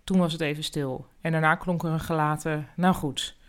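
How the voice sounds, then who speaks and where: Calm storybook narrator. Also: mid-range voice, a little fast, smooth. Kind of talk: storybook reading.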